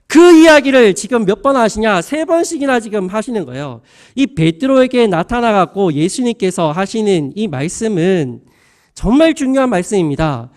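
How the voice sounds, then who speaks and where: A male pastor preaching a sermon in a colloquial style, peppering the congregation with rhetorical questions. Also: extremely high pitch.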